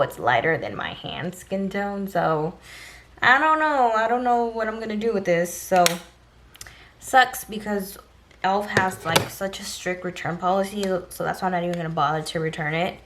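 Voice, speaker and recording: A woman's voice: medium pitch, lively intonation, a little slow, a bit bright, slight background noise. A woman talking casually and directly to viewers as a beauty vlogger, giving an informal shopping haul review.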